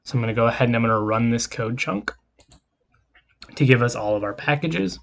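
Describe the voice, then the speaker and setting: A lecturer with a middle-pitched voice and vocal fry teaches a screen-recorded coding lesson in an animated, brisk, easygoing way. He explains each step while typing code, with keyboard clicks audible behind him.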